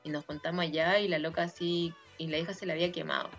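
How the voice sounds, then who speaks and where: A woman with a Chilean accent, chatting casually and telling animated, slang-heavy stories. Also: deep voice, quick pace. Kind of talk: casual chat. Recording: dull lo-fi audio with faint music.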